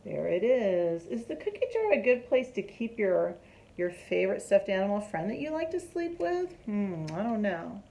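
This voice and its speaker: A middle-aged woman teacher reading a picture book aloud to her class, lively and asking the children questions. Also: medium pitch, normal speed, vocal fry.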